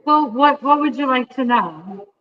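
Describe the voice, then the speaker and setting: A woman's voice: high voice, animated, a little slow, dull audio. A woman guest who works as a hypnotist, speaking with many hesitant ums while her voice keeps cutting in and out over a remote call line. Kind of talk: casual interview answers.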